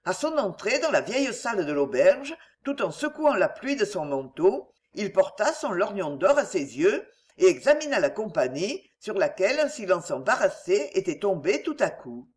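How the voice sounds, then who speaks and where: A woman narrating an audiobook with expressive storytelling. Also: medium pitch, moderate pace, few pauses.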